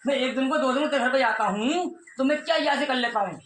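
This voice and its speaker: A man's voice: very high voice, fast talker, a bit bright, roomy sound, a little hiss or hum. Heated man pleading his side. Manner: heated, pleading, repeats himself. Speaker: husband telling his side of a family dispute. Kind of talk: emotional personal account.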